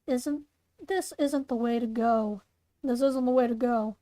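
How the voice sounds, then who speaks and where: A woman's voice: on the high side, measured pace, dark tone, no room sound, close to an everyday voice. A woman voicing a young monster creature who pleads and protests anxiously. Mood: pleading.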